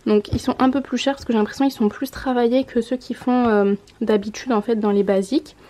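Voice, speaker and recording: In a home room beside a window, a mom vlogger in her twenties chats casually through a haul vlog, holding clothes up to the camera and correcting herself along the way. Her voice sits on the high side and is mellow and steady, with a brisk delivery.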